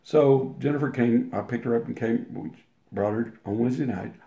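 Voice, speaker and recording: The audio is dull, and the man's mellow voice is medium-pitched at a normal speed. An older interview guest, he rambles through a long anecdote in casual storytelling fashion, restarting and voicing the quotes amid roomy echo.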